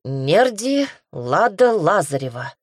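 A woman's voice: fairly low pitch, big pitch swings, slow, no room sound, clean studio sound, heavily acted. A woman voicing a haughty, stubborn male lord and single father in a fantasy audiobook, speaking curtly. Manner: arrogant, curt.

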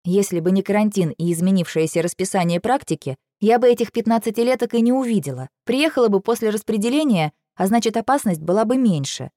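A woman's voice: mid-range voice, animated, fast, few pauses, mellow, no room sound, studio quality. A woman reading a first-person audiobook in an emotional, tearful manner. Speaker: audiobook reader.

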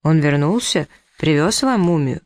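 A man voicing a calm young male country doctor who speaks gently and soothingly, in a storybook reading. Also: fairly high pitch, a little slow, no room sound, studio quality.

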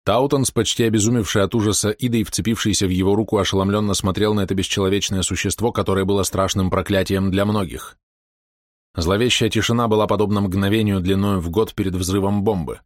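A man reading a novel aloud in a measured, dramatic narration. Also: lowish voice, fairly even intonation, dry recording, studio quality. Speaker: audiobook reader. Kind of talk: scripted narration.

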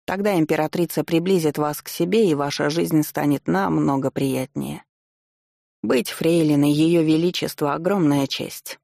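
A reader voicing a strict, proper governess who talks in a prim, instructive manner, in an audiobook. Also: female voice, low-pitched, steady tone, moderate pace, gravelly, dark tone, dry recording, clean studio sound. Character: strict proper governess, middle-aged, stern.

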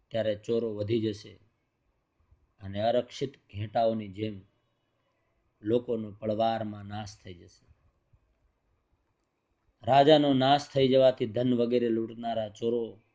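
A man reading the lines of an elderly, wise sage who gives a measured, admonishing explanation. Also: medium pitch, dark tone, dull audio, natural voice. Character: elderly calm male sage, wise and reproving.

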